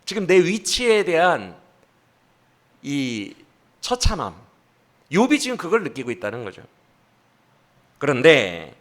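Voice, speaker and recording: Lively high-voiced preacher man. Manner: animated, asks the congregation questions and acts out the speaker's complaints. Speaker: pastor. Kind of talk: sermon. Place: church service.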